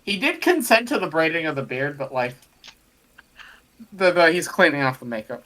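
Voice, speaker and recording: A man's voice: a little high, sing-song, normal speed, bright, forceful tone, slight background noise. A man playing a tabletop game, joking and laid-back. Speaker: player. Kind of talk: casual chat at a game table.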